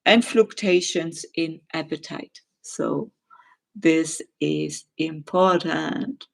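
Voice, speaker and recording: A middle-aged woman with a German accent, answering viewer questions in a live chat and pausing often with ums and uhs. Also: medium pitch, creaky. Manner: hesitant, many ums and uhs, gentle.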